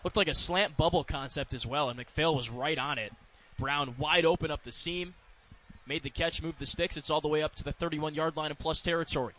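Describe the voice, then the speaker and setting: On the radio, a man calls live American football as the play-by-play announcer. His voice is on the high side, delivering quick, clipped phrases that can build in excitement.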